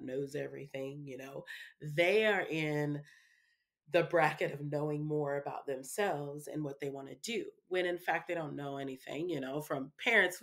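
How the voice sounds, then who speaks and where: Chatty woman podcast guest. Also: sits low. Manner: chatty, peppers speech with "you know" and "right". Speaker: guest, parenting speaker. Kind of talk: casual interview chat.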